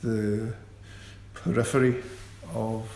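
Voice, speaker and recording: A fairly low, level, creaky voice with a slightly mellow quality belongs to a male musician being interviewed on radio. He stammers, repeating sounds and starting over, and talks slowly and deliberately; faint ambient noise and echo fill the room.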